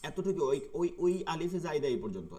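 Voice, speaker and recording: A man, teaching an online tajweed class and patiently repeating words slowly to show their pronunciation. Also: on the high side, sing-song, mellow. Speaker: Quran recitation teacher.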